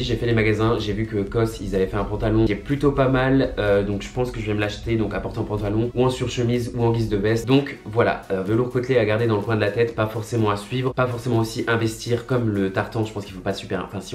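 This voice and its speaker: Young guy vlogging with a cold, talks quick and rambly, lowish voice, echoey room. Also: darkish tone. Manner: rambling, self-interrupting, slangy. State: has a cold, says he is ill. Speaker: fashion vlogger. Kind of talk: casual chat to camera. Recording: roomy indoor echo.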